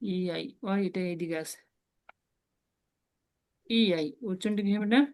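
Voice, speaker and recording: A woman's voice: lowish voice, darkish tone, smooth. Patient woman teaching Chinese pronunciation. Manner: patient, slow repetitive drilling of sounds. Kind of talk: online language lesson with repetition drills.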